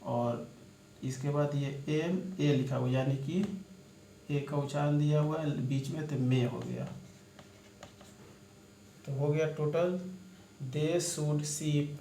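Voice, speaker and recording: A man's voice: a little high, fairly even intonation, slow pace, vocal fry, pauses often, warm tone. A man teaching shorthand, spelling out letters one by one in a step-by-step lesson. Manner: spells out letters one by one, addresses viewers as friends. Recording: echoey room with faint background noise.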